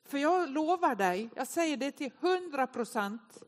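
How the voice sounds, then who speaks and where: A woman gives a humorous Sunday sermon, speaking with a somewhat high voice. She tells self-mocking stories in an animated way and talks straight to the congregation. Her voice rings out with a long reverb through a large church hall. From inland northern Sweden.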